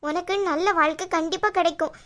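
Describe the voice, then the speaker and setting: A woman's voice: very high voice, steady tone, fast, fairly bright tone. A woman voicing a patient young wife in a cartoon, talking in an earnest, pleading way. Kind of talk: cartoon voice acting.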